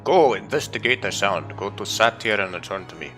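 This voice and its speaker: A man's voice: fairly low pitch, expressive, a little fast, fairly bright tone. A man reading out the lines of a stern male barbarian hunt leader in a commanding, solemn way. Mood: urgent. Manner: commanding, solemn read-aloud delivery. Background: game music.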